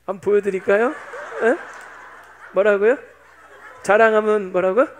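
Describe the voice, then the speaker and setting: A man's voice: high-pitched, normal speed, a little hiss or hum. A man in his fifties, a pastor preaching a sermon in a chatty, playful way, teasing the congregation. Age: 50s.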